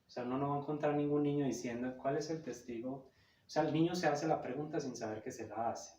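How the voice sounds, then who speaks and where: A man's voice: mid-range voice, brisk, mellow, slight background noise. A man explaining psychoanalytic ideas in a didactic, emphatic way. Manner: didactic, emphatic, checks in with "cierto?". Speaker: psychoanalysis lecturer. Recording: roomy echo, a bit far from the mic.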